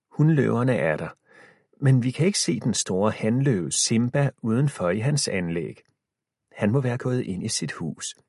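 A man narrating a children's story in the first person, expressive and shifting pace with the tension. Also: fairly low pitch, husky, no echo, clean studio sound. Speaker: audiobook narrator.

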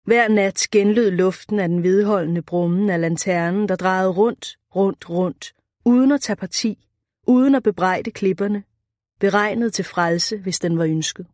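A woman narrating an audiobook at a measured, even pace, in a middle pitch for a woman. The recording is dry and close, with no room sound at all. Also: dry recording.

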